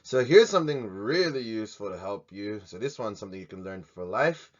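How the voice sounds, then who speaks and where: A man teaches grammar to the camera in a jokey, animated manner. His voice sits low and his delivery keeps swinging between loud and soft. The recording sounds dull and lo-fi. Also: fairly quick. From Australia. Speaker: English teacher. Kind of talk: playful video lesson.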